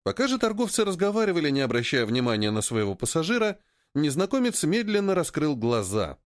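A man narrating an audiobook in a dramatic, drawn-out way, his voice a little higher than usual with very lively intonation. The recording is dry and close, with no room sound. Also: no echo. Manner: slows down for drawn-out dramatic phrases. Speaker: audiobook reader.

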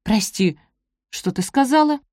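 A woman's voice: medium pitch, brisk, no room sound, clean studio sound, close to an everyday voice. A woman reading the part of a blunt young noble girl who speaks curtly. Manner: curt.

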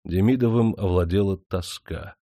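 A man narrating an audiobook in a steady, measured storytelling manner. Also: low-pitched, no echo, studio quality. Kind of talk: scripted narration.

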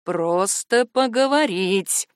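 A woman doing a calm male AI assistant. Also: mid-range voice, no room sound, studio quality. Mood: calm, insistent. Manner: measured, soothing, slow.

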